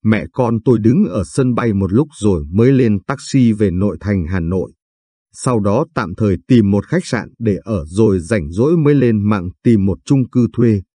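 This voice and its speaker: Steady male storyteller, husky and mellow tone, calm reading delivery. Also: on the low side, moderate pace, no echo. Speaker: audiobook narrator. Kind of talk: scripted story narration.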